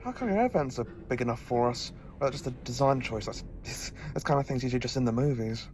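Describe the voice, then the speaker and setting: In an audio drama, an actor with a medium-pitched male voice plays a quirky, knowing time-travelling professor. He explains things wryly and haltingly with lively intonation, in a natural voice over background noise.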